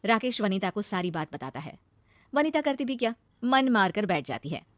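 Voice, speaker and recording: A woman narrating a cartoon moral story in an even storytelling manner. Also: mid-range voice, moderate pace, dry recording.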